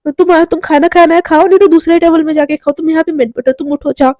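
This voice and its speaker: A woman's voice: high voice, a little slow, warm tone, no room sound. A woman voicing a nervous, flustered young woman who stammers and repeats her words. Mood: angry.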